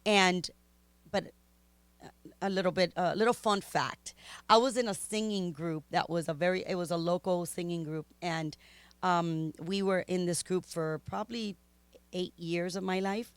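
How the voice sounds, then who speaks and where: In a lowish, clear, resonant voice on a dry recording, she speaks unhurriedly. She's a middle-aged native Spanish speaker from Miami, Florida with a Spanish-influenced Miami accent, telling her story candidly on a podcast, animated and talkative, with frequent ums and laughter.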